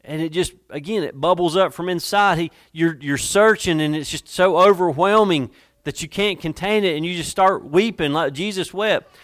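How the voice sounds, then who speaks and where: A male pastor preaching a sermon, earnest and emotional, slowing down for emphasis. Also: on the high side, fairly bright tone, no echo, studio quality. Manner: emotional, slows down for emphasis, reads scripture in old-fashioned wording.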